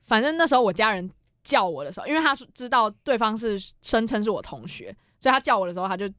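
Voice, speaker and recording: A woman's voice: medium pitch, quick pace, no echo, studio quality. A woman from Taiwan co-hosting a podcast, telling stories in casual chat. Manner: lively storytelling, acts out phone calls, frequent laughter. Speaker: podcast co-host.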